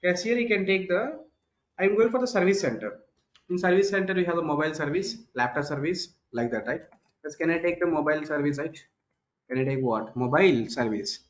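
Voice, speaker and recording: Indian guy teaching code over a call, kinda high voice, keeps going "click on what?" and repeating stuff, muffled echoey audio. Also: animated, a little fast. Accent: Indian English. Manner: repeats key terms and quizzes students with "what?". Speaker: programming teacher. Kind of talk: live online class lecture. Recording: dull, echoey online class call audio.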